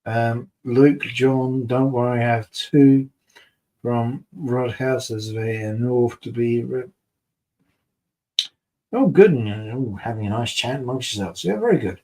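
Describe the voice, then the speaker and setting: A man talks casually with his viewers as he reviews beer. He rambles and mumbles, drifting from one thought to the next. His pitch sits in the ordinary middle range for a man. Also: slow, dark tone, slight background noise. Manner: rambling and mumbling, self-mocking. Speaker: beer reviewer and channel host. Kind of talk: casual live-stream chat, reading viewer comments.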